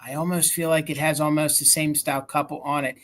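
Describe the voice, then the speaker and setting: A woman's voice: low-pitched, little pitch movement, fast. A woman with a regional American accent, hosting a live vintage sale, chatting as she describes items and counts down bids. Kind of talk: live auction selling.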